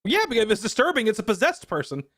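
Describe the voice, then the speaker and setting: A man's voice: sits high, wildly swooping pitch, very fast, bright, forceful tone. A man co-hosting a games podcast, talking in a casual, rambling way with lots of ums and restarts. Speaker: podcast co-host. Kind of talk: casual chat.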